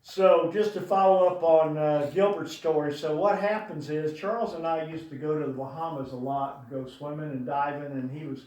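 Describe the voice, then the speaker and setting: Speaking at a memorial in a large room, an older man shares affectionate, meandering stories of his late brother, with plenty of fillers. His slightly high, somewhat mellow voice moves at a moderate pace with hardly any pauses, and the sound is lo-fi. Heavy room echo makes him seem distant.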